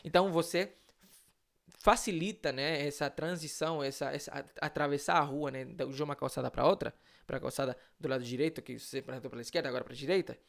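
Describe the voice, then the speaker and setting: Gravelly Chilean-accented man teaching. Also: on the high side, fairly even intonation, a little fast, fairly bright tone. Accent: Chilean Spanish. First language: Spanish. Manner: conversational, frequent "né?" tags, asks and answers rhetorical questions. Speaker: Spanish teacher. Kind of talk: live online lesson.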